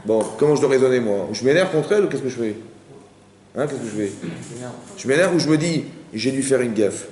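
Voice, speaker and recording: A man, a rabbi teaching a Torah class to an audience, animated, asking questions and acting out little everyday scenes. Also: mid-range voice, fast talker, long pauses. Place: community center hall. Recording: echoey hall with faint noise.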